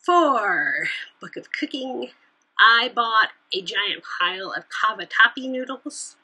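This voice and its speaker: A woman's voice: on the high side, animated, slow pace, pushed and bright, breathy edge, rough recording. A woman hosting a knitting podcast, chatting casually on her own, laughing often and sometimes trailing off mid-sentence. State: hiccuping. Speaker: podcast host. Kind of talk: casual solo chat.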